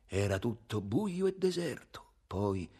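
A man reading a novel aloud in a steady, expressive storytelling voice. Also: on the low side, slow pace, breathy edge. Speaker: narrator.

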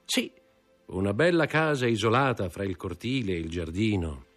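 Man reading as a brisk, disdainful young schemer; husky, quick. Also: on the low side, faint music behind, natural voice. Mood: boastful.

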